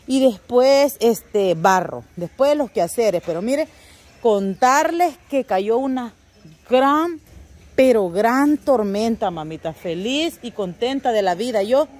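A woman's voice: sits high, darkish tone. An older woman, chatting homely and rambling to her viewers from her rural yard, calling them fond pet names and searching aloud for words. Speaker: vlogger. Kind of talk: casual chat to camera. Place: rural yard and garden outdoors.

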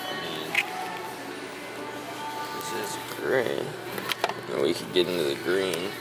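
An American man in his twenties chats to the camera vlog-style, tossing slangy, bro-ish asides to his viewers as he moves between his car, large warehouse stores and a parking lot. His deep, creaky voice goes slowly over loud music, amid noisy car and big-box store ambience.

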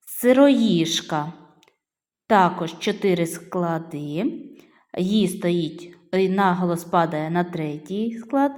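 A woman's voice: lowish voice, a little mellow. A middle-aged woman teaching young children a phonics lesson, patiently drawing out each word as she sounds it. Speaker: primary school teacher. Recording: echoey room with long reverb.

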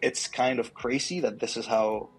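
Husky-voiced chatty man from Colombia. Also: medium pitch, fairly even intonation, moderate pace, faint music behind, low-quality recording. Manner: chatty, lots of likes and ums. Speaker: startup founder. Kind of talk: casual interview answers. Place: office with large window. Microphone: earbuds on video call.

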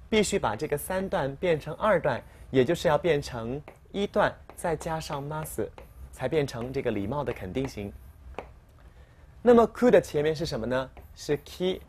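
A woman's voice: low-pitched, darkish tone, husky. A woman teaching a vocabulary lesson, explaining step by step and saying each new word twice for the learner to repeat. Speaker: Japanese language teacher.

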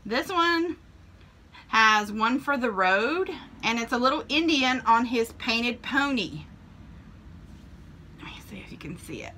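A woman with a fairly high, animated voice takes her time and pauses often, her tone bright and forceful, with a little hiss or hum on the recording. She chats homily about flea market finds, ums and all, for a casual vlog shot on a camera mic in a small room with shelves.

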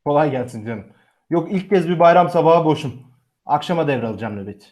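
Radio drama: man as tired, caring brother, earnest, slightly high male voice. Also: expressive, fast talker, a little mellow, close to an everyday voice. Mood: weary, caring. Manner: familiar, earnest. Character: weary, kindly adult brother working hospital shifts. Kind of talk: Turkish radio theatre acting.

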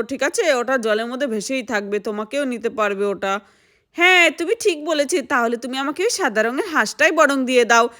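A woman telling a lively doll play story and voicing all the dolls. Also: high-pitched. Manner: lively, plays every doll's voice.

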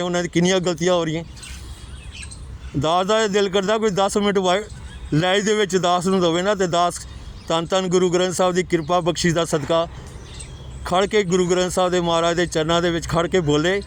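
A man giving an earnest devotional lesson on correct scripture pronunciation, chanting verses slowly and correcting common mistakes. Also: high-pitched, slight background noise. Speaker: Gurbani pronunciation teacher. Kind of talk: devotional teaching talk.

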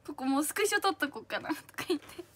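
A young woman with a slightly husky, strained throat, hosting a livestream in a bubbly, cutesy way, reading out and thanking commenters. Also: high-pitched, animated, quick pace, slight background noise. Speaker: idol livestream host.

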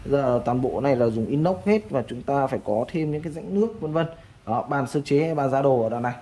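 A man's voice: medium pitch, lively intonation, a little fast, mellow. A man, an architect, casually walking viewers through a floor plan as he sketches, talking in loose chatty bursts full of fillers. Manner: chatty, many fillers and repeated "đó". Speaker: architect explaining a design. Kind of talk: casual explanatory walkthrough while drawing.

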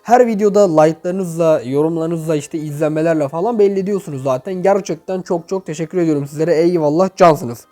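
A man's voice: a little high, brisk, hardly any pauses, warm tone. A young man with an echoey, reverberant room sound gives casual, chatty gaming commentary as a channel host, talking to viewers like friends. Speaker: YouTube game channel host. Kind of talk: casual gaming commentary, reviewing player profiles. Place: bedroom with items cleared out, indoors. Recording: echoey emptied room, faint music behind. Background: music.

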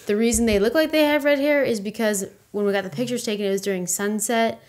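Chatty young mother, relaxed. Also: a little high, fast. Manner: relaxed, chatty, finishes partner's sentences. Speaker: co-host, new mother. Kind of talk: casual Q&A chat with partner.

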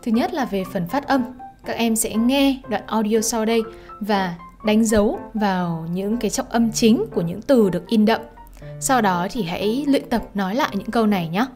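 A woman's voice: mid-range voice, moderate pace, a little mellow, faint music behind. Woman teacher, chatty and questioning. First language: Vietnamese. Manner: checks in with students with tag questions. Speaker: English teacher. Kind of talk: video lesson explaining exercises.

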